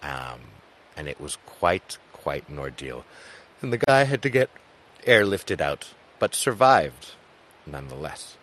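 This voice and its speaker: Low-voiced man telling lively stories. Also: unhurried. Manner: animated, with loud excited bursts and trailing quiet endings. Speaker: podcast host. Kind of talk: casual anecdotal storytelling.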